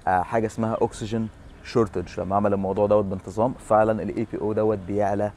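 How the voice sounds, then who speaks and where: Fast-talking Egyptian man explaining to camera. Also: fairly low pitch, flat delivery, mellow, slight background noise. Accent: Egyptian Arabic. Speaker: fitness presenter explaining a breathing exercise. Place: outdoor seafront bench in a city. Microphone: lapel.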